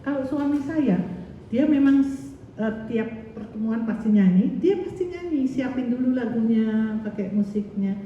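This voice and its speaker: A woman's voice: a little high, expressive, measured pace, a little hiss or hum. A woman pastor giving a chatty sermon full of stories and quoted voices. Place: church hall. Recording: echoey hall from far off, dull.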